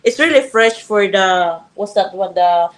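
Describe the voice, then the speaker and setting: A woman from Cebu with a Filipino accent, a guest telling her story in lively, simple, broken English. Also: medium pitch, a little slow. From Philippines (Cebu). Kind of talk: casual storytelling interview.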